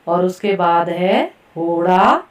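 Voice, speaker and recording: A woman teacher leading a slow Hindi pronunciation lesson, carefully repeating each word for students to echo. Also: lowish voice. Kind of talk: classroom lesson, pronunciation drill. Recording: echoey room, voice from far off the mic.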